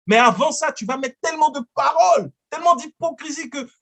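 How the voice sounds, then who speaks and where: A male pastor delivering a sermon in a high, light register. He preaches earnestly and slips into short acted prayers and exchanges to make his point. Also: fairly quick, vocal fry, a bit bright.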